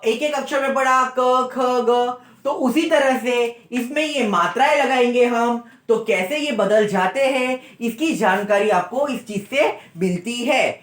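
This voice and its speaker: A man teaches a recorded lesson for small children, taking his time and drawing out each sound. He repeats the letters one by one with patient care. His voice carries a roomy echo from the space he records in. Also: extremely high pitch. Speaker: school teacher.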